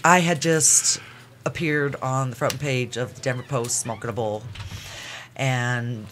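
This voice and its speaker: A man tells personal stories as a talk guest. He is earnest and halting, at an ordinary pitch, with faint noise behind him. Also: fairly even intonation. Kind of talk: personal storytelling in casual talk.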